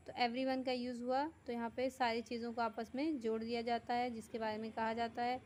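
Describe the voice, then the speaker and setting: Woman teacher, flat steady delivery. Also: fairly high pitch, slight background noise, poor audio. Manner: reads English definitions word by word, then explains quickly. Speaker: school teacher. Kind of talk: grammar lesson, reading definitions slowly and explaining in Hindi.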